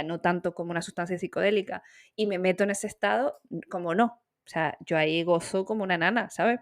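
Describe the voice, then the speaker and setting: A woman's voice: lowish voice, no room sound. Chatty woman, dry close sound. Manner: chatty, candid, with laughs and fillers. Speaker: podcast co-host. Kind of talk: casual conversation.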